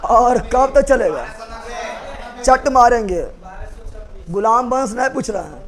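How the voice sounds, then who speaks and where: A man's voice: very high-pitched, lively intonation, moderate pace, crowd noise. A man teaching history to a class, repeating points, quizzing students and joking with rhymes. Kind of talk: classroom lecture with mnemonics.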